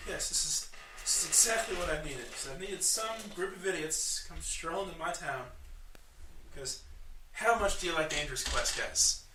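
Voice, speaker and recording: A man voicing an eccentric, scatterbrained male gnome who rambles excitedly, recorded in an echoey room away from the mic. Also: on the high side, moderate pace, far from the mic, noisy background, voice pushed up, natural voice. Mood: eager. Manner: excitable, rambling, barks at his pet.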